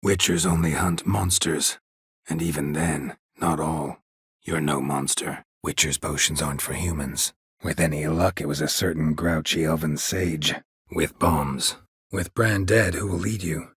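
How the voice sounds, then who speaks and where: Deep, gravelly and extremely husky, the exaggerated voice of a weary, gruff monster hunter from a fantasy game comes through a close, dry recording without echo. He speaks tersely, in clipped phrases and a deadpan manner.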